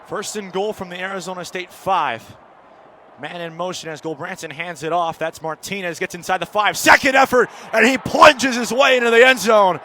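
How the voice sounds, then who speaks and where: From a broadcast position in a football stadium, an American man calls college football play-by-play live on radio. His high voice has a bright, forceful tone, with outdoor stadium noise behind him.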